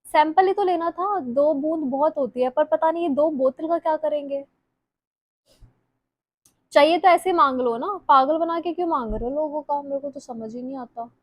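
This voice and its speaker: A woman's voice: high-pitched, normal speed, no room sound, rough recording. A young woman from Haryana talking casually as a vlogger, chatty and self-mocking, with a Haryanvi-tinged Hindi accent and bits of English mixed in. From Haryana, India. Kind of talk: casual chat. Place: home kitchen and city streets.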